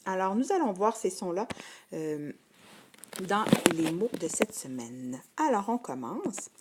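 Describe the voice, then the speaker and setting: Slow, patient Québécois woman teacher. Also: medium pitch, sing-song, heavy background noise. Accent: Québécois French. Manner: patient, spells sounds out and repeats each word twice. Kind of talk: slow, patient phonics lesson for first graders.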